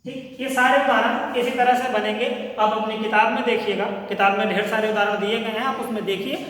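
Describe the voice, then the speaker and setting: A man teaching a grammar lesson, explaining step by step, often pausing with "okay" and asking his pupils questions. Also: high voice, steady tone, fairly bright tone. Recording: echoey room from far off.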